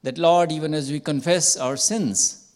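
A man's voice: on the high side, a little mellow. An older man, a church elder, leading a solemn congregational prayer and repeating "Lord" often. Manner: slow, solemn, measured praying with repeated "Lord".

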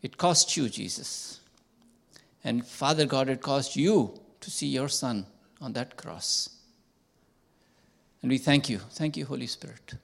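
A man's voice: mid-range voice, creaky, a bit bright. An older man, a church elder, leading a solemn congregational prayer and repeating "Lord" often. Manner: slow, solemn, measured praying with repeated "Lord".

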